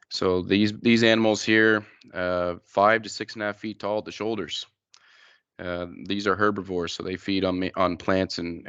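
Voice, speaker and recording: A man presenting an informal educational wildlife slideshow, explaining things in a plain-spoken, halting way. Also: low-pitched, fairly bright tone, clear, resonant tone, dry recording, dull audio.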